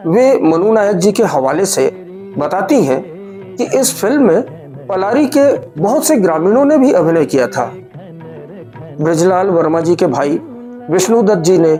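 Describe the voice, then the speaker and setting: Mellow storytelling narrator over soft music. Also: medium pitch. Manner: storytelling, addresses listeners as friends. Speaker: narrator of a history series. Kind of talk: scripted documentary narration.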